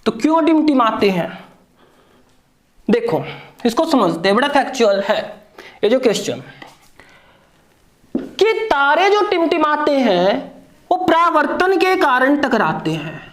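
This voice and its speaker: A woman's voice: high-pitched, big pitch swings, unhurried, long pauses, reverberant. A woman teaching an online lesson, who asks questions and answers them herself and repeats key points. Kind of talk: online lecture.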